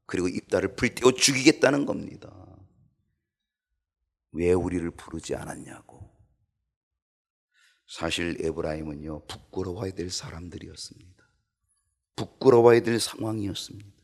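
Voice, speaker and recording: A man preaching a sermon as pastor in a church, animated and acting out quoted voices. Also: deep voice, normal speed, vocal fry, long pauses, husky.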